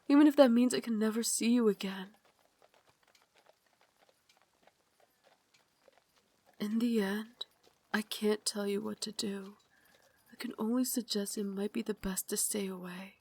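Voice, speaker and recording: A woman performs an intimate ASMR roleplay as a tender young Victorian vampire lady consumed by guilt. Her confiding lines are formal and dramatic and slide into breathy whispers. The voice is on the high side and mellow, with no room sound, and the mood is tender and sorrowful.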